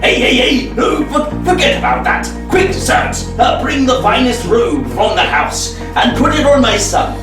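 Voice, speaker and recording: A man's voice: very high voice, big pitch swings, normal speed, hardly any pauses, heavily acted. A man playing a fond, fussy old rich father in a theatrical manner. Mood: overjoyed. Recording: echoey room from a distance with faint music.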